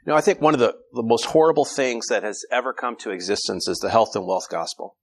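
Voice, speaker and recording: A man's voice: mid-range voice, quick pace. A man preaching an earnest sermon, reading scripture aloud and often restarting his phrases. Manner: frequent repetitions and restarts.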